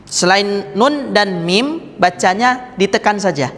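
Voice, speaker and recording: Slow, patient male recitation teacher. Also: sits high, lively intonation, a bit bright, a little hiss or hum. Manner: patient, repeats sounds and drills students. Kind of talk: slow step-by-step recitation lesson. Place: mosque. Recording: echoey room with long reverb.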